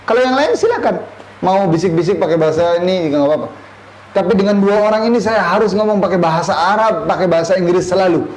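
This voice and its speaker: An Indonesian man in his thirties teaches a classroom lesson in a high-sitting, slightly mellow voice, animated and fast. He quizzes his students and mixes Arabic phrases into his talk, in an echoey room with faint noise.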